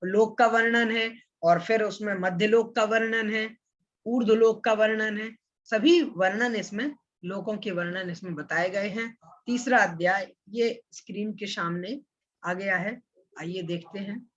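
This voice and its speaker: A man teaching a scripture class online, reciting Sanskrit terms slowly and deliberately and repeating them syllable by syllable. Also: sits high, fairly even intonation, fairly bright tone. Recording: dull lo-fi recording.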